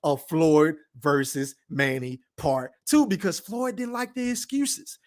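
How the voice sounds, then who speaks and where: This Texan livestream host, from Dallas-Fort Worth, talks slowly in a slightly high, very animated and somewhat mellow voice. He reads through the chat and offers blunt, profane takes in a casual rant for his podcast.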